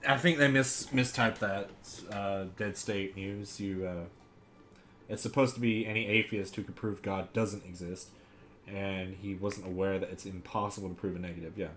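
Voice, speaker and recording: A man's voice: sits low, steady tone, moderate pace, fairly bright tone, a little hiss or hum. Rambling, profane male podcaster. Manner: rambling, profane, reads articles aloud. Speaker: podcast co-host. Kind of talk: casual podcast chat.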